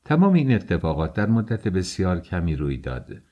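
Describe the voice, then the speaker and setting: A man with a very low voice reads a novel aloud in a steady, scripted narration. He voices the characters' lines himself between the narrated passages. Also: dull audio. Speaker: audiobook narrator.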